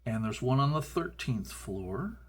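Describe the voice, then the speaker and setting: Slow, husky-voiced man rambling over a build. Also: medium pitch, lively intonation. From Chicago. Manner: rambling, stumbles over words, folksy asides. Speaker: host. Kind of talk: casual build commentary.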